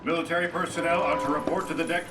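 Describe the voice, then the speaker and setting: An actor playing a male ship crew announcer, giving formal, clipped emergency announcements over a ship's loudspeaker. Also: on the high side, fairly even intonation, very fast. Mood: urgent official. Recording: loud game music and crowd behind.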